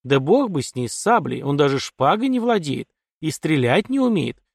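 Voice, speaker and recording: A man voicing a headstrong, sharp-tongued young noblewoman in a storybook reading, answering with stubborn, quick-witted retorts. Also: fairly high pitch, big pitch swings, creaky, husky, no room sound, studio quality, full character voice. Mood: defiant.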